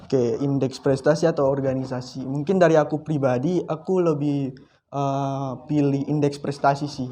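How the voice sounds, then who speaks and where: An eighteen-year-old man talking casually as a student guest, relaxed and a little hesitant. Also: mid-range voice, moderate pace. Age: young adult. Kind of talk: casual chat.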